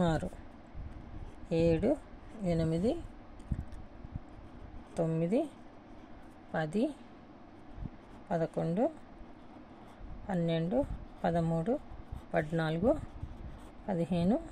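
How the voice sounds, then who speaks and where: Patient woman teaching while writing, gravelly voice. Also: fairly low pitch, warm tone, slight background noise. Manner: patient, explains slowly while writing, repeats each step. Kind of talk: step-by-step writing lesson.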